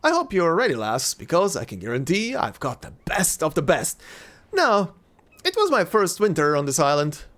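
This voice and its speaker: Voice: mid-range voice, wildly swooping pitch, moderate pace, fairly bright tone. Someone doing a folksy ghost sailor spinning yarns. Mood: eager. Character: eager storytelling old ghost sailor, folksy.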